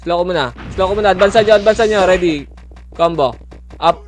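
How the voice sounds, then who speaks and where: Man barking rapid game commands. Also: high-pitched. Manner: rapid repeated commands, swearing. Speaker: guild shotcaller. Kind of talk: live game voice chat.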